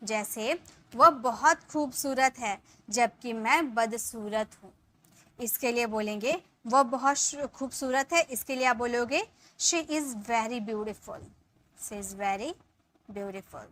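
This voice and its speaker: Young woman, English teacher; high, bright voice; slow, deliberate dictation. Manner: slow dictation of example sentences, trailing off softly at sentence ends. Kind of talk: spoken English lesson.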